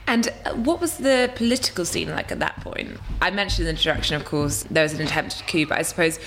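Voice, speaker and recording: A woman's voice: low-pitched, quick pace, fairly bright tone, a little hiss or hum. A woman hosting a podcast, who reads a scripted introduction of her guest and then asks questions conversationally. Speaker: podcast host.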